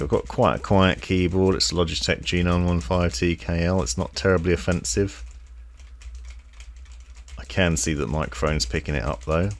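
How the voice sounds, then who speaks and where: A man with an extremely deep, gravelly voice talks through a microphone review at his desk. He explains each feature step by step in a casual way. The sound is dry and close, with no room echo. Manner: explanatory, demonstrating gear step by step. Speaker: tech reviewer. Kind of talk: casual product review demo. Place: desk setup indoors. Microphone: desk microphone on boom arm.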